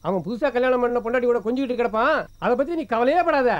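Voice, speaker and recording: An actor playing a scheming, flirtatious constable in a comedy film. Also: male voice, very high-pitched, rapid-fire, no echo. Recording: dry, dull film audio.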